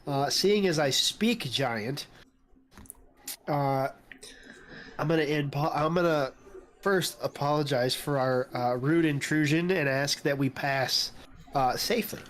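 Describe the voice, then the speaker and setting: Guy playing tabletop rpg, slightly high voice, casual chat. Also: takes it slowly, pauses often, fairly bright tone. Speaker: tabletop game player. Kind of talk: casual chat during a game.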